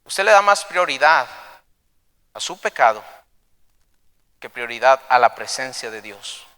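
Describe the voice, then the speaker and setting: A pastor preaching an impassioned sermon, retelling a story with dramatic flair. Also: male voice, mid-range voice, sing-song, a little slow, sharp tone, clear, resonant tone, long reverb tail. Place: church.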